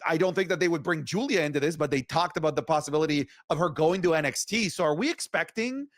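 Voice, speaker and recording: Male wrestling co-host, fairly high voice, very dry recording, emphatic and opinionated chat. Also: fast talker, no room sound. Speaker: wrestling talk show co-host. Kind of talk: casual wrestling commentary and discussion.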